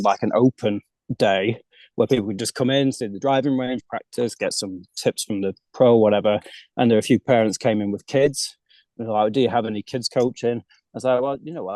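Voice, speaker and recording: A UK man who coaches golf abroad appears as an interview guest, talking about coaching kids. His fairly low, dark voice is casual, often repeating words as he restarts, and the recording is dry with no room echo.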